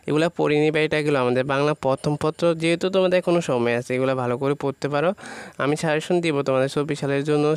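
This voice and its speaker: A man teaching students, walking through an exam syllabus topic by topic in an informal way, with frequent pauses and fillers. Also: fairly high pitch, clean tone, dry recording. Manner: talks directly to students, lists topics one by one with many pauses and fillers. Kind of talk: informal syllabus walkthrough lesson.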